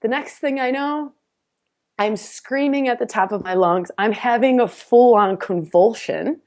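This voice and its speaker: A woman guest, medium in pitch, tells a personal story on a podcast. She keeps it casual and animated, laughing frequently and starting her sentences over again.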